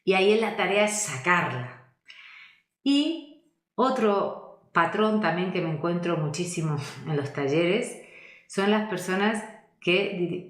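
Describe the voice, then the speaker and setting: A woman voice coach, teaching in a thoughtful way, often pausing to search for words and inviting the listener to reflect. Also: lowish voice. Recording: echoey room.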